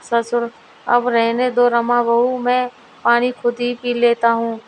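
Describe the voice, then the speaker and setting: Patient older father-in-law, read by a woman, high and flat, slow. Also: a little hiss or hum, poor audio. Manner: calm, patient, gently commanding. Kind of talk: storybook dialogue reading.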